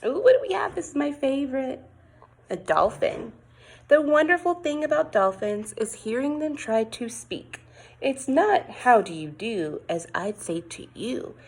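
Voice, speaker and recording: Reading a picture book to young kids, this woman teacher sounds lively and melodic, coaxing them along with exclamations and questions. Her pitch is high, her pace a bit slow, and there's a breathy quality to her voice.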